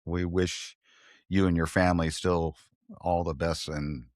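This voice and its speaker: Male podcast host; lowish voice, chummy and relaxed, dry close recording. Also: a little slow, dry recording. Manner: relaxed, chummy, laughs along. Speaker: podcast host, former radio colleague. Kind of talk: casual interview chat.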